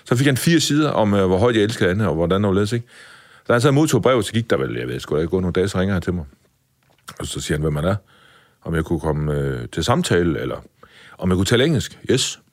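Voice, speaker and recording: A deep-voiced man in his fifties tells stories from his past in a loose, animated way, blunt and peppered with mild curses. His low voice sits close and dry on the mic, with no room sound. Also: dry recording. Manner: lively, blunt, mild swearing. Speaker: chef, interview guest. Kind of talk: casual storytelling in a podcast interview.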